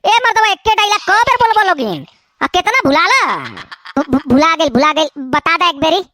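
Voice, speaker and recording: A woman doing very high, squeaky voices for quarrelsome village cartoon characters with a Bhojpuri accent. The delivery is lively and swoops around as they tease, stammer and argue. Her tone is bright and sharp. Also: moderate pace, dry recording, studio quality, heavily acted. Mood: bickering. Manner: teasing, quarrelsome banter with stammers. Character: bickering village men and a film director. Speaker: cartoon voice actor. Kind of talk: village comedy cartoon dialogue.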